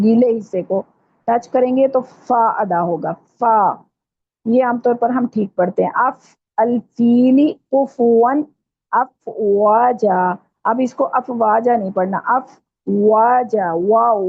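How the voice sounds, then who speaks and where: A fairly high, husky woman's voice, patient and methodical, guiding students through pronunciation one sound at a time. The audio is dull and lo-fi, like an online class call. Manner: patient, explains step by step, slows right down to model sounds. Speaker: Quran recitation teacher.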